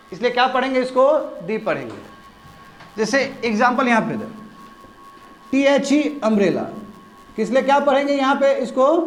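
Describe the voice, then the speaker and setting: High-voiced man teaching a class. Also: fairly bright tone, echoey room. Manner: questioning, drills students repeatedly. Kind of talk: classroom grammar lesson. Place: classroom with students.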